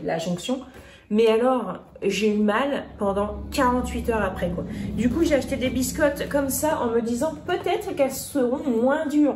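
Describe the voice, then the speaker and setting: A chatty woman vlogger talks casually through her grocery haul in a slightly high, darkish-toned voice, with many restarts and fillers. She is in an echoey room, and faint noise is present.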